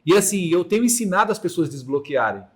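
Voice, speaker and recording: A man with a Brazilian accent from Mato Grosso, talking through a podcast in a slightly high voice. He stumbles and restarts often and mimics heartbeats with sounds. He is recorded in a warm room with no air conditioning. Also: sing-song, fast. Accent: Brazilian Portuguese, Mato Grosso. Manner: hesitant, many restarts and repeated words. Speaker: podcast host. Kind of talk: casual podcast chat.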